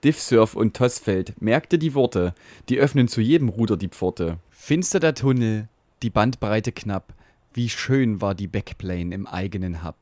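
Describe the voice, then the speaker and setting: A man's voice: lowish voice, lively intonation, a little slow, a little mellow, no room sound. Router, male, boastful and fatherly, ballad rhythm, dry sound, a man doing it. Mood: soothing. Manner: rhyming ballad recitation, soothing and self-important. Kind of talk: comic poem recitation.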